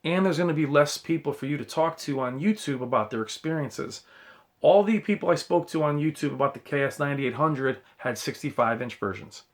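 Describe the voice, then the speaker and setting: A man's voice: a little high, a little fast. Blunt man in a rambling tech vlog. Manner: earnest cautionary advice, addressing viewers directly. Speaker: YouTube tech reviewer. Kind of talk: casual rambling opinion monologue. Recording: faint hiss in recording.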